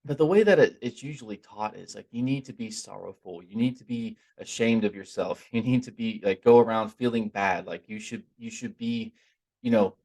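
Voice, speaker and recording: A man giving an informal, earnest spiritual talk in a conversational, stop-and-start way, his r sounds softened toward w. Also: on the low side. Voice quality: trouble pronouncing r, softened toward w. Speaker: religious teacher giving a talk.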